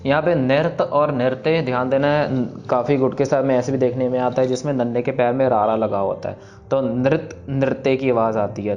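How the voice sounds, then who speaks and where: A man teaching scripture pronunciation, explaining briskly and then reciting each verse slowly and evenly. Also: medium pitch. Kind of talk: pronunciation lesson with slow recitation. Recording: slightly dull recording, soft background music.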